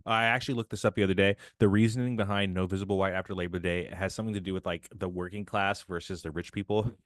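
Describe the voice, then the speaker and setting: Deep-voiced young man, crude joking banter. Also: steady tone, fast talker, dry recording, clean studio sound. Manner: crude, joking, swears often. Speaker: podcast co-host. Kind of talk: casual podcast banter.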